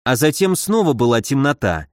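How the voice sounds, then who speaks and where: A man reading a first-person story aloud as an audiobook narrator, with a wry, brisk manner. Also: medium pitch, big pitch swings, dry recording, studio quality.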